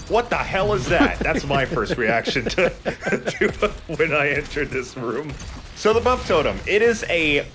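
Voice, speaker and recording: With a medium-pitched, fairly bright voice, a man provides laid-back let's play commentary on a shooter, explaining things and cracking jokes. There's slight background noise.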